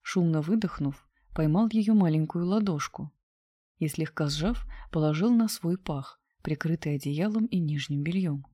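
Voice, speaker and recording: A woman narrating a romance novel aloud in a soft, intimate reading. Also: low-pitched, normal speed, no echo, clean studio sound. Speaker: audiobook narrator.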